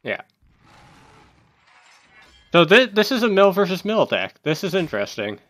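A man's voice: sits high, measured pace, no room sound. Man muttering through gameplay commentary. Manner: thinking aloud, muttering, sudden excited outbursts. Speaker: gaming YouTuber. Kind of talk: casual live gameplay commentary.

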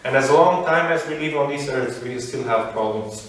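Man, preacher, halting short phrases, restarts, echoey hall, distant mic. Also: mid-range voice, a bit bright. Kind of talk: sermon with interpreter.

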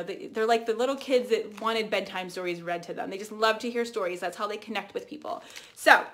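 A woman in her thirties giving a casual, chatty training talk to camera, energetic and full of fillers and restarts. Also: medium pitch. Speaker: team trainer.

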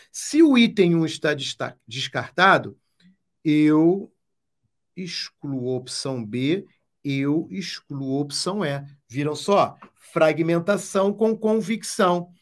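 A Brazilian man teaching Portuguese exam prep, explaining step by step with emphatic, repeated catchphrases. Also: on the high side. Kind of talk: exam-prep lesson at a whiteboard.

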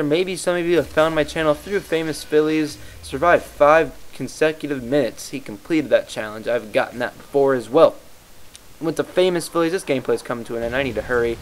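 A YouTube gaming commentator, this tired young Midwestern man has a clean-toned voice on the high side, captured with poor audio. He rambles casually as he commentates over gameplay, often drifting off his point.

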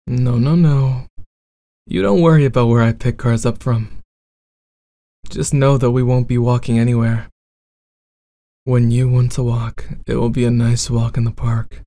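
Man playing a slow, mellow bad-boy boyfriend. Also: mid-range voice, flat delivery, dry recording, natural voice. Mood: possessive, protective. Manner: intimate, slow, demanding. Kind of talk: ASMR boyfriend role-play, addressed to listener.

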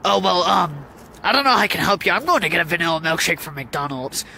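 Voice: medium pitch, expressive, fast talker, creaky, bright, forceful tone, slight background noise. A performer voicing a whiny, mischievous kid who frets and panics easily. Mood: panicked. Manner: whiny, fretful. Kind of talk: fan puppet video acting.

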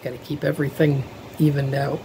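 A woman's voice: a bass voice, flat delivery, brisk, background noise. Middle-aged woman with a lisp. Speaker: vlogger. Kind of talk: casual talk to camera. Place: living room at home, indoors. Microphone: webcam at desk, close framing.

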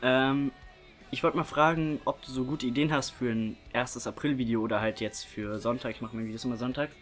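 A man's voice: medium pitch, steady tone, a little fast. A young man chatting casually as the host of a prank-call video, recorded indoors. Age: young adult. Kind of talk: casual chat. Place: small indoor room with curtain behind. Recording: music faintly behind.

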